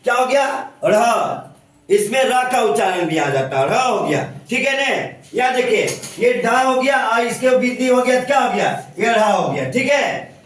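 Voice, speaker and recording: A male teacher with a very high voice leads a classroom grammar lesson. He keeps asking the students questions and checks again and again that they understand. He is picked up from far off in a very echoey room. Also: expressive, moderate pace, a bit bright.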